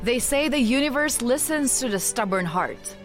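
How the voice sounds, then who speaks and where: A woman narrating a scripted news feature segment in a polished, measured storytelling delivery. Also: a little high, animated. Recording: music bed underneath.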